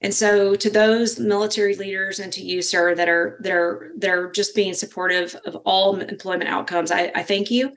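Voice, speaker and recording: Polite woman, mid-pitched interview guest. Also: steady tone, moderate pace, few pauses, a bit bright. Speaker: podcast guest from a nonprofit organization. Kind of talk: interview answers.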